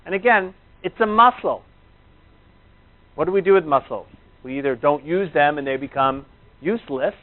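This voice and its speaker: A man with a somewhat high voice teaches a breathwork class in a chatty, reassuring, informal way, checking in with "you know" and "right." The audio is tinny and narrow, like a phone line.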